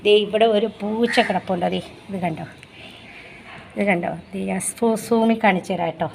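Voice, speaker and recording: Cooing to her dog in affectionate baby talk, a woman with a Malayali accent also chats with viewers during a casual home vlog in her kitchen area. She has a mid-range voice with a steady tone, normal speed, and vocal fry, and the echoey room carries faint background noise.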